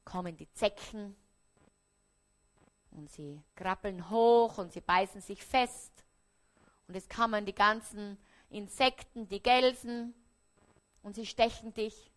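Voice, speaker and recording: A woman with an Austrian accent, preaching a parable on stage before an audience, often dropping to a hushed, quiet voice. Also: medium pitch, slow, long pauses. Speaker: stage speaker.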